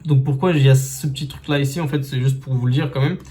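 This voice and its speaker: Man, casual unboxing vlog, mellow tone, chatty, halting fillers, phone camera. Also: medium pitch, fairly even intonation. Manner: chatty, with many fillers and restarts. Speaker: tech reviewer.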